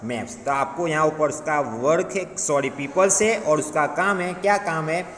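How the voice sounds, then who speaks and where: A male teacher with an Indian English accent, explaining a grammar lesson and switching between Hindi and English as he repeats each word clearly. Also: fairly high pitch, steady tone, moderate pace, a bit bright. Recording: echoey room with long reverb.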